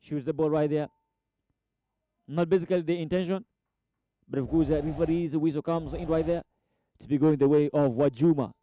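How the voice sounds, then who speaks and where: A man's voice: on the high side, steady tone, moderate pace, long pauses, warm tone, highs cut off. A man giving live football play-by-play, repeating player names and rising sharply at chances. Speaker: football commentator. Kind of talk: live match commentary.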